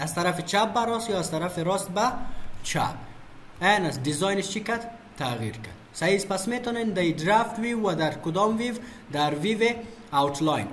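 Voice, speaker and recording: A man walks through a software tutorial in a fairly high voice. He keeps asking a question and then answering it himself. A faint hiss of background noise sits under the recording. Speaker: computer teacher.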